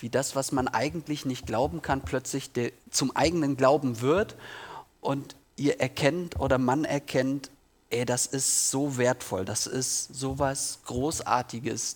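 A man preaching a sermon in a church, talking earnestly and directly to the congregation, asking questions and reading a passage from the Bible. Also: medium pitch. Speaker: pastor.

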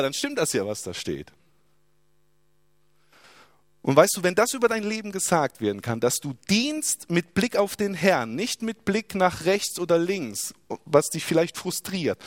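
A man's voice: on the high side, no echo, studio quality. A man preaching a sermon, asking rhetorical questions and dropping his voice for emphasis.

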